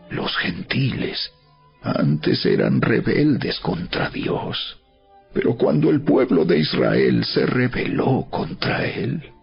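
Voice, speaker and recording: A man giving a dramatized Bible narration as solemn, emphatic oratory with deliberate dramatic pauses. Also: lowish voice, vocal fry. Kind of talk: dramatized scripture narration, preaching a letter aloud. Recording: dull recording with music behind. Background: background music.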